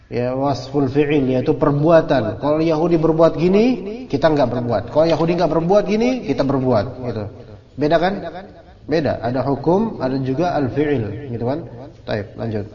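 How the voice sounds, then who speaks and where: A man's voice: fairly high pitch, lively intonation, moderate pace, a crowd in the background. A man teaching an Islamic book study in a casual, joking, colloquial way. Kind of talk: kitab study lecture. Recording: muffled hall recording with audience.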